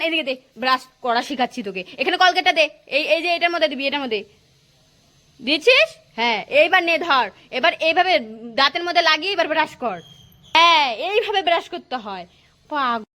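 A woman filming a casual family vlog, talking with her kids in an animated, playfully scolding way. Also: extremely high pitch. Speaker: family vlogger and mother.

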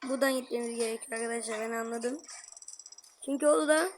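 High-voiced excitable woman gaming. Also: fast, a little hiss or hum. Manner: excitable, talks straight to viewers, grumbles and mutters at the game. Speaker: gameplay commentator. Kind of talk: let's-play commentary.

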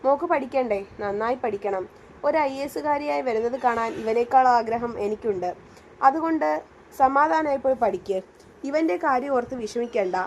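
A woman's voice: high-pitched, normal speed, slight background noise. A woman voicing a kind, comforting mother. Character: kind middle-aged mother, warm and soothing.

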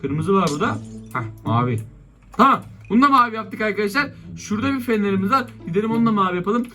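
High, bright-voiced excitable Turkish gamer man. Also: fast, soft background music. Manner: excitable, exasperated outbursts at attacking monsters. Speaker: gaming YouTuber. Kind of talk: Minecraft let's-play commentary.

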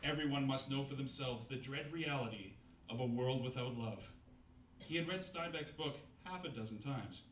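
Reading a novel with mock drama and dry asides, this man in his thirties performs at a live comedy reading night on a small bistro stage. He speaks in a mid-range voice at a moderate pace. The audio comes from a distant camera filming his stand mic, roomy with a little noise.

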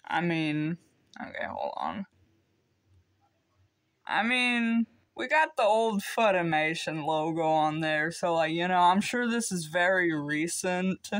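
Teen guy rambling slowly thru an unboxing, lots of ums, at home. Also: fairly high pitch, sing-song, fairly bright tone. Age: teens. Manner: rambling, hesitant, many ums. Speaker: vlogger. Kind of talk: casual unboxing chat.

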